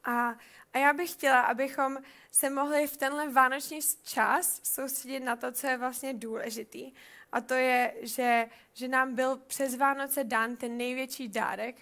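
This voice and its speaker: A woman's voice: high-pitched, steady tone, a bit bright. A woman reading a Bible passage and reflecting on it in a conversational way, often repeating words as she thinks.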